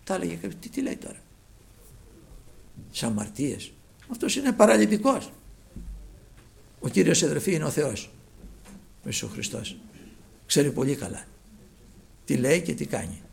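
A man preaching a sermon with fervour, his phrases often sinking to a hushed, low close. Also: very animated, creaky, long pauses.

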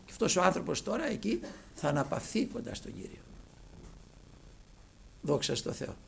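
A man preaching a sermon, swinging from loud cries to hushed near-whispers. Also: a little high, huge pitch swings, creaky, a little hiss or hum.

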